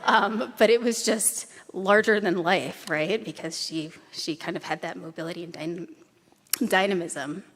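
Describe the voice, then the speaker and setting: A woman's voice: lowish voice, a little slow. Woman telling stories in a reverberant hall. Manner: anecdotal, light humorous asides. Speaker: former doctoral student giving a tribute. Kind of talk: memorial tribute speech. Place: chamber concert hall. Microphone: podium microphone.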